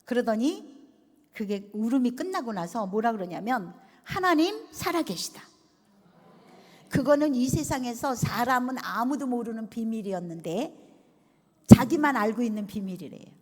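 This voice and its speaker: Woman telling a lively testimony in a hall. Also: a little high, normal speed. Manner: animated storytelling, acting out quoted dialogue. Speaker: pastor's wife giving a testimony. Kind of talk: testimony storytelling to a congregation. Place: large hall at a retreat resort. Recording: reverberant hall sound.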